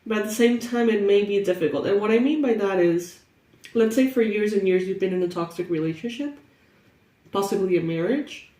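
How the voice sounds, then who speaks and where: A woman's voice: mid-range voice, brisk, warm tone, reverberant, far from the mic. A young woman with a stuffy, congested nose, chatting casually through a tarot reading and laughing often. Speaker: tarot reader.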